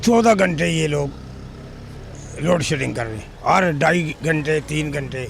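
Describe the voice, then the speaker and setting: Man, gravelly high voice, agitated resident complaining, faint street noise. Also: animated, unhurried. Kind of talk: street interview.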